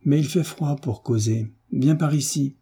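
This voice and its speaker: A man voicing a smug, mocking landowner who talks down to a peasant girl, in a husky voice. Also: mid-range voice, measured pace, mellow, voice pushed up. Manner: smiling, teasing, condescending.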